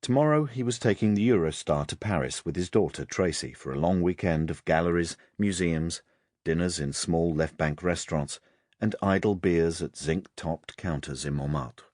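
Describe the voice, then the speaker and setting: A man narrating a crime novel audiobook in a measured, expressive storytelling manner. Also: sits low, dry recording, clean studio sound.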